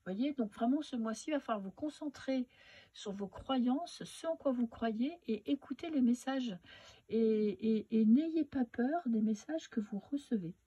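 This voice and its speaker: Husky woman with a weak, tonsillitis-sore voice. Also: a little high, dark tone. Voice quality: husky, not very powerful. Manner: hesitant, halting, advising listener directly. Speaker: tarot reader and medium. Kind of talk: casual spoken tarot reading.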